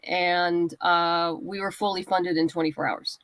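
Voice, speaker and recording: A woman with a lowish, level, fairly bright voice speaks unhurriedly as a guest writer and comic creator, offering practical crowdfunding advice in a casual interview chat. There's no echo on the recording.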